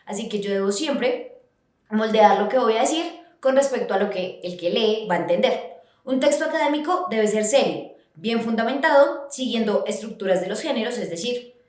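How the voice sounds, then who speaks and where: A woman's voice: on the high side, lively intonation, normal speed, darkish tone. A woman giving an educational podcast lesson on writing, explaining step by step with frequent restarts. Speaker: writing instructor. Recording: very echoey room.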